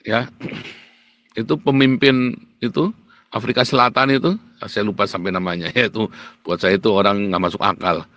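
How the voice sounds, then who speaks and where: A man preaching a sermon in an animated, boastful and scolding way. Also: lowish voice, moderate pace, long pauses, no room sound. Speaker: pastor.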